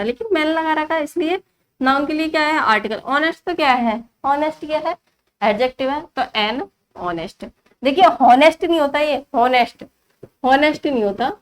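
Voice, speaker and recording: A woman with an Indian accent teaching an online grammar lesson. She asks her students questions and answers them herself, repeating key words slowly as a drill. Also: sits high, poor audio.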